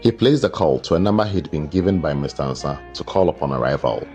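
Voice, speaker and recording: Reading a folktale from a script, a man with an extremely deep, dark-toned voice narrates in a measured, dramatic, storyteller style that is still animated. Faint guitar music plays in the background.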